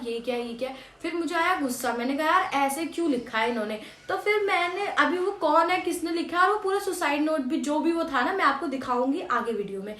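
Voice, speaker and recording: A woman's voice: high voice, a bit bright. A young adult woman vlogger telling a story to camera in a rambling, chatty way, full of fillers and repeats. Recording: echoey room.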